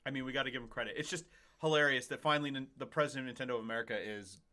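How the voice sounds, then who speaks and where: A man co-hosting a casual gaming podcast, jokey and excitable, often laughing as he talks. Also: medium pitch, racing. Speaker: podcast co-host. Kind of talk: casual chat.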